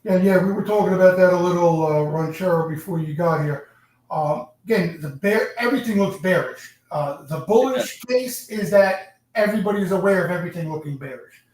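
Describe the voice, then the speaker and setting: A man's voice: sits high, fairly quick, a little mellow. A man from Long Island hosting a trading stream, giving blunt, profane market commentary full of fillers. His voice sounds like it is in a cave. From Long Island, New York. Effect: cave-like echo, far from the mic. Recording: cavernous echo, distant mic.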